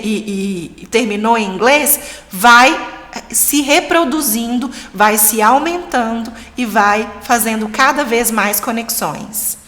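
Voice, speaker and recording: Brazilian woman, 30s, encouraging live-stream teacher, higher voice, reverberant room. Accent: Brazilian Portuguese. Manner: lively, encouraging, coaxing. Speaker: English teacher for parents. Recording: long reverb.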